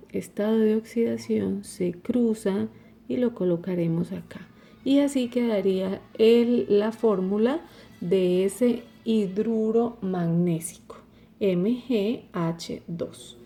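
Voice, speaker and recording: A woman's voice: medium pitch, gravelly, warm tone. A woman teaching a chemistry lesson, explaining step by step and often checking with "¿cierto?". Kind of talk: recorded online lesson.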